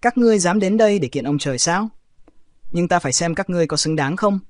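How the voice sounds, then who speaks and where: Storybook gatekeeper for toddlers: giant stern tomcat, imperious, slightly high male voice a man reader acting, dry. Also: lively intonation, fast, no echo. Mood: challenging. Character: huge, stern male cat guarding heaven's gate.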